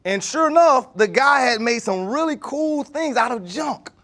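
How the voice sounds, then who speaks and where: A man in his thirties from Florida giving an animated leadership workshop talk and putting questions to a live group. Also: very high-pitched, normal speed. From Jacksonville, Florida. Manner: animated, asks the room questions. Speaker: leadership trainer.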